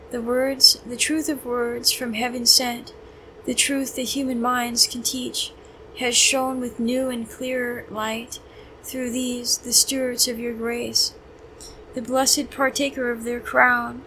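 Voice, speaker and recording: A woman leading evening prayer, reading hymns and psalms in a measured, reverent way, with short plain remarks between them. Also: a little high, a bit bright, a little hiss or hum, rough recording. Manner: measured, reverent recitation with brief plain asides. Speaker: prayer leader. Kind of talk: reading the Liturgy of the Hours aloud.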